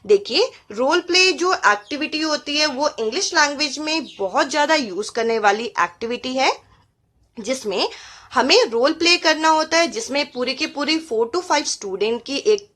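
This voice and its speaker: Lively high-voiced woman teaching. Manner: reads English points slowly, then explains them in Hindi. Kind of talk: exam-prep lesson explaining slides.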